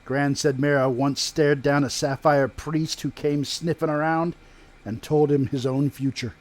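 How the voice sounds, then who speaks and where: A man's voice: a little high, steady tone, a little slow, a little mellow, lightly acted. A man voicing a proud rustic blacksmith who tells family lore in country dialect, as if sharing gossip, in a tabletop game. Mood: gossipy, relishing. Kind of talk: in-character tabletop role-play storytelling.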